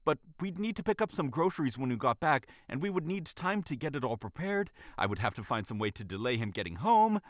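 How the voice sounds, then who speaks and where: A man's voice: big pitch swings, a little fast, hardly any pauses, no echo, close to an everyday voice. A man voicing an eager young female rabbit police officer in a fan story reading. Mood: planning. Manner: high eager bursts, stammering.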